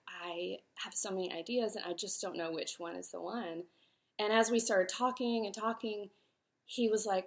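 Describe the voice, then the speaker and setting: A woman in her thirties, an author and host, talks live about her life and work, emotional and close to tears at times, with many fillers and self-corrections. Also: medium pitch. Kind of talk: live-streamed personal talk.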